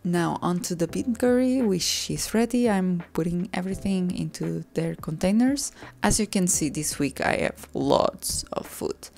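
A woman calmly narrating her home cooking video, soft and unhurried, sometimes correcting herself mid-sentence. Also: fairly low pitch, gravelly. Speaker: cooking vlogger. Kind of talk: calm voice-over narration. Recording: voice-over with soft background music.

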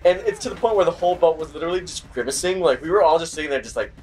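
A man co-hosting a gaming video, telling stories in an animated, exasperated way and shouting at the game in bursts. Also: fairly high pitch, rapid-fire, a little hiss or hum. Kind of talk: casual chat while playing a game.

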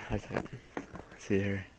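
A young man chatting casually while playing a game, laid-back and quick to laugh at himself. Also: noisy background. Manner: laid-back, giggly, self-mocking. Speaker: gameplay streamer. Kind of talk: casual gaming chat.

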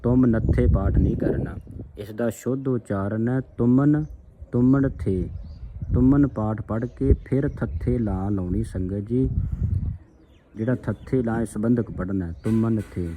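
A man who teaches scripture pronunciation. He recites each line, then slowly repeats single syllables with stress and addresses his listeners respectfully. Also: on the low side, warm tone, slight background noise, rough recording. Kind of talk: slow recitation with spoken pronunciation guidance.

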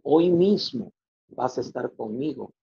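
A man voicing a solemn divine male figure, speaking slowly and gravely. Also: mid-range voice, expressive, dark tone, muffled recording, a little hiss or hum. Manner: slow, solemn proclamation.

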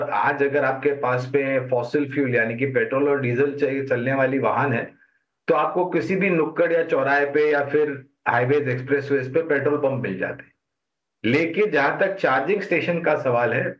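Market expert guy explaining things slowly then fast, a bit muffled remote line. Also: medium pitch. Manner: measured, explanatory, uneven pace. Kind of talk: expert commentary.

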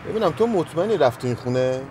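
An actor playing a sarcastic, bossy older brother who works as a tanner. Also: male voice, on the high side, expressive, dark tone, slight background noise, natural voice.

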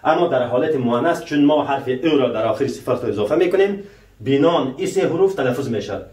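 A man teaching French grammar in Persian, often asking his viewers rhetorical questions and saying the French example sentences slowly. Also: mid-range voice, lively intonation, a little mellow. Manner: keeps asking the viewers rhetorical questions, calling them dear friends; slow, careful pronunciation of French example sentences. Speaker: language teacher. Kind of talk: French lesson taught in Persian. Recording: roomy, voice a bit far from the mic.

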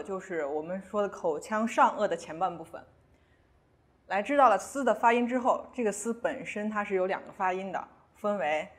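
Woman teaching pronunciation, slow and careful. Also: medium pitch. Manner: slow, careful modeling of sounds with repeats. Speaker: language teacher. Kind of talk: pronunciation lesson.

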